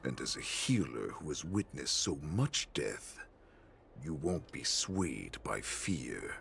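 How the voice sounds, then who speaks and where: Deep growling wolf warlord, cruel, gloating, slow, video game villain. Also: male voice, sing-song, vocal fry, a bit bright, a little hiss or hum, full character voice. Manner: slow, mocking, savoring every threat. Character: menacing wolfish beast warlord, male, cruel and gloating.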